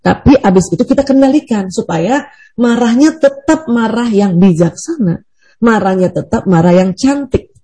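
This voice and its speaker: Female preacher, mellow and husky, lively and teasing, seminar talk. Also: fairly high pitch, moderate pace. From Bugis heritage, Indonesia. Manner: lively, teasing, laughs often, animated swings. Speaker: Islamic preacher.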